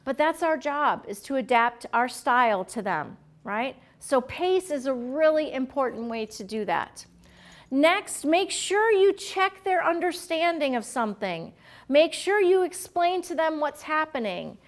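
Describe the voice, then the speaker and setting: A woman leading a customer service training session, lively and acting out short role-play lines for her trainees. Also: sits high, unhurried. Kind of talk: staff training talk with role-play examples.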